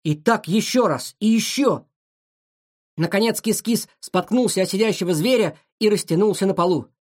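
A narrator reading a children's adventure story aloud with an expressive, animated delivery. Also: medium pitch, moderate pace.

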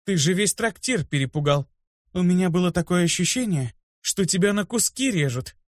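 A fussy, bossy young healer woman, as a male reader puts her on in a high, lifted voice that fires off anxious questions and scolds. The sound is close and dry, with no room around it. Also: lively intonation, moderate pace, dry recording. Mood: scolding. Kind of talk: audiobook character voice.

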